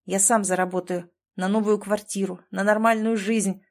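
A woman reading an audiobook and voicing a stubborn, proud man who speaks in a low, hollow, guarded tone. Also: fairly even intonation, moderate pace, lightly acted. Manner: clipped, tense and reluctant. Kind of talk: audiobook character voice.

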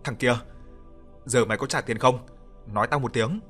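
A man voicing a brutal debt collector who shouts threats in an audio story. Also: mid-range voice, normal speed, slightly rough, faint music behind. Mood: menacing.

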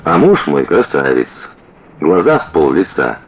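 Male narrator voicing a reserved young woman; curt, dry, low-pitched, lo-fi. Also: wildly swooping pitch, measured pace, breathy edge, heavily acted.

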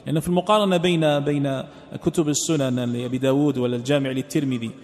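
A man teaching a text line by line, repeating phrases and trailing off into a low murmur at the ends of sentences. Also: steady tone, rapid-fire, darkish tone. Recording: long hall reverb.

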